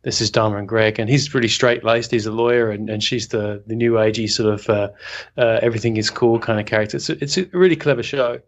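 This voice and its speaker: A man's voice: on the low side, fairly even intonation, fast. A man co-hosting a podcast, telling anecdotes in a loose, rambling way and chuckling as he goes. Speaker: podcast co-host. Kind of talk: casual craft discussion.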